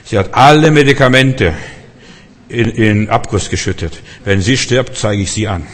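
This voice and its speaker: An older male pastor delivers a storytelling sermon, voicing the people in his story as he goes. His voice sits low and swings between hushed and emphatic. Long reverb from a large hall trails each phrase. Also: normal speed, slight background noise. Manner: storytelling preacher, acts out quoted voices, swings from soft to emphatic.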